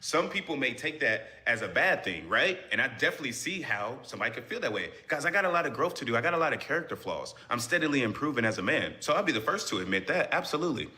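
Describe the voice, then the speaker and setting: Young man, bright tense voice, defensive, heated live-stream talk. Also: medium pitch, sing-song, fast talker, few pauses. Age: young adult. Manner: defensive, repeats himself under interruption.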